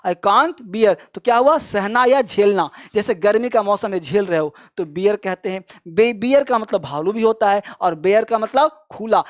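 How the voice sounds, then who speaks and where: Male teacher, higher-pitched voice, insistent classroom drilling, dry close sound. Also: no echo. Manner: emphatic, repetitive drilling, spells words letter by letter; urges students to hurry and memorize. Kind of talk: classroom vocabulary lesson.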